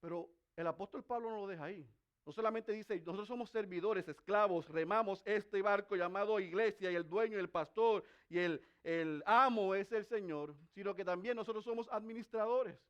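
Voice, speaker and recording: A man preaching an expository sermon, putting rhetorical questions to the congregation and swinging between raised, emphatic passages and very quiet, low ones. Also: moderate pace, clean tone, dull audio.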